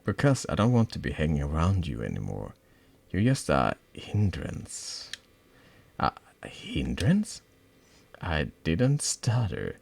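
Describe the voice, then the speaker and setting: A man's voice: rumbling low, huge pitch swings, takes it slowly, creaky, darkish tone, slightly rough, no room sound, full character voice. A man voicing Akana, a cruel mocking schoolgirl. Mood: menacing. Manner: taunting, cold and menacing. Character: cruel teenage girl turned on her friend.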